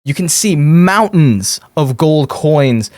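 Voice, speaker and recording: A man working as game master, improvising descriptive narration in halting phrases. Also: fairly high pitch, animated, a little mellow, no room sound, studio quality.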